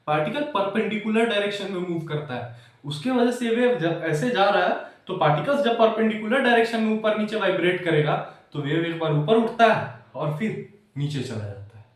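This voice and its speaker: A male tutor gives a casual lecture and keeps checking that his students follow along. He often drifts into joking asides. His fairly high voice comes from some distance away, across a very echoey room. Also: expressive, a little fast. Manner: digresses with jokes. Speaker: physics tutor. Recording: echoey room, far from the mic.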